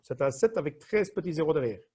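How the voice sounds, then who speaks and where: In an online training presentation, this middle-aged emergency nurse and wellness trainer from Flanders, Belgium, explains things in a Flemish accent, sometimes groping for a word. His slightly high voice is husky and breathy, with lively intonation, a quick pace and a dark tone.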